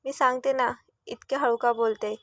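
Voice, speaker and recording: A woman's voice: on the high side, steady tone, normal speed, a bit bright, no room sound, clean studio sound. A woman voicing a middle-aged mother who fusses, scolds and teases in a storybook reading. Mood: fussing.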